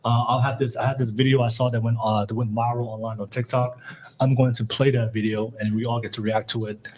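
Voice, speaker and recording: A man's voice: medium pitch, little pitch movement, a little fast, a little mellow, slight background noise. A man hosting a live panel podcast, talking upbeat and straight to his live chat viewers. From California. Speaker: podcast host.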